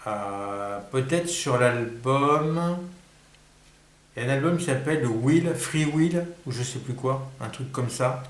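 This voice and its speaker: A man's voice: medium pitch, slow pace. Musing man in a roomy echo. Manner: mutters and sighs while thinking, then perks up. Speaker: host of a record-collecting channel. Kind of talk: casual solo quiz, thinking aloud.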